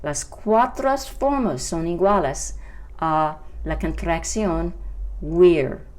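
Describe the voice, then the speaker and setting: A woman teaching English to Spanish speakers. She explains slowly and repeats each English example with care. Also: fairly low pitch, lively intonation. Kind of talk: Spanish-language English lesson. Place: home during quarantine.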